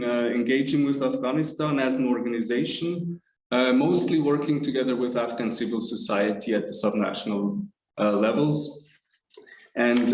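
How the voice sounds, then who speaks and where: A man's voice: mid-range voice, a little mellow, reverberant, low-quality recording. A man opening a roundtable as moderator, speaking formally with many hesitations and filler sounds.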